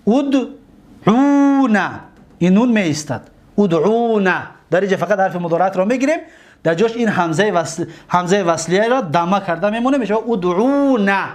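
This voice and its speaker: A high-pitched man with a Tajik-accented Persian voice leads a grammar class. He recites each verb form slowly, stretching the words out. He often pauses to ask whether his listeners are following. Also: expressive. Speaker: Arabic morphology teacher.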